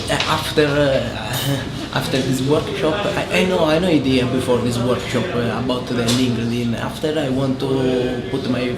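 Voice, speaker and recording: A man from Italy, speaking broken English hesitantly and with many fillers in a casual interview. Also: mid-range voice. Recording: echoey room with loud crowd behind.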